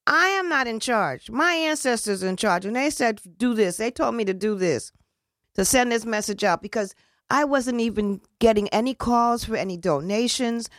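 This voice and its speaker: A woman organizing a community celebration chats casually in an interview, earnest and rambling, often restarting sentences and tossing in casual slang. Her voice is a little high and a bit bright, with lively intonation at normal speed. The sound is clean studio audio with no echo.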